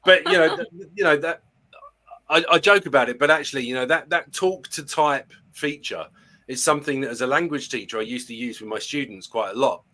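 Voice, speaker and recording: A man's voice: medium pitch, a little fast, bright, forceful tone. A man with an Essex accent, a language teacher, talking casually in a webinar with frequent restarts and self-deprecating jokes.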